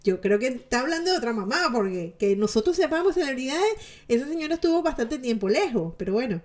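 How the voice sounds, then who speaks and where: A woman's voice: high-pitched, big pitch swings, fast talker. A woman giving chatty, sarcastic commentary to her viewers, laughing often. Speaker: celebrity gossip vlogger.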